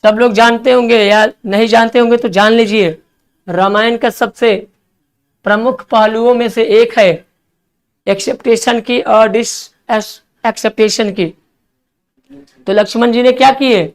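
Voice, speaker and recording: Man, classroom English-vocab teacher, clear smooth voice, spells words out, coaxing. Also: very high-pitched, fairly even intonation. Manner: spells words letter by letter, coaxing students to write fast.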